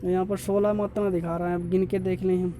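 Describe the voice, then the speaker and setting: A man's voice: high voice, little pitch movement, a little fast, dark tone, slight background noise. Man teaching a grammar lesson, many restarts. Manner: repeats and explains step by step, many restarts. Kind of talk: exam-prep grammar lesson.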